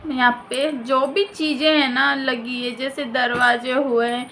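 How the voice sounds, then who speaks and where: A woman's voice: high-pitched, flat delivery, slow pace, sharp tone, a little hiss or hum. A woman vlogger talking casually to camera in her own house, venting in a heated, emphatic way.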